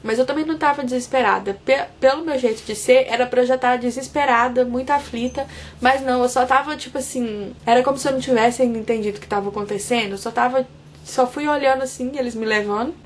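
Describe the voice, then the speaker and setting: A young woman with a Brazilian Portuguese accent, earnestly recounting a personal story to her viewers in a soft, casual way with frequent restarts. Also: high voice, quick pace, a little hiss or hum. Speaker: vlogger.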